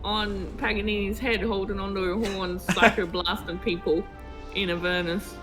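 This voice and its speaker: With music plainly audible behind her, a woman joins a stream as a co-op gaming partner and jokes casually about the game. She speaks at a moderate pace in a mid-range voice with little pitch movement.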